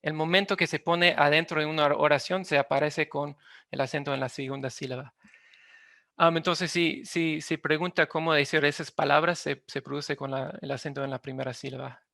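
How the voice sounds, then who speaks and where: Halting man with a gravelly, bright voice. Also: fairly high pitch, fairly even intonation, dry recording. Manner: halting, often searches for words. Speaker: linguistics presenter. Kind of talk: academic presentation.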